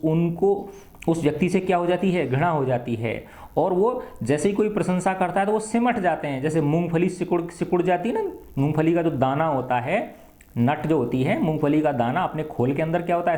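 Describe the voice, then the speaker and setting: Hindi teacher explaining lines in an echoey room. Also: male voice, a little high, a little mellow. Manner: reads English lines slowly, then explains them conversationally with rhetorical questions. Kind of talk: explaining an English play in Hindi.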